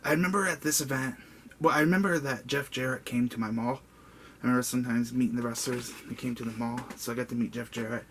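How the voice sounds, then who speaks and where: A man's voice: medium pitch, steady tone, fast talker, fairly bright tone. A man in his twenties casually rambling through a personal story in a vlog, full of "like" and "um". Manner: rambling, with many "like" and "um" fillers. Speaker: vlogger. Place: indoor room with a buzzing bug. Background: faint background noise and a buzzing bug.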